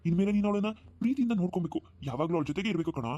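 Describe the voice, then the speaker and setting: A man's voice: sits high, lively intonation, very fast, dark tone, no room sound, highs cut off. A man voicing an older village father-in-law in a cartoon, who scolds his son and coaxes his daughter-in-law. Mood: coaxing. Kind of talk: cartoon dubbing.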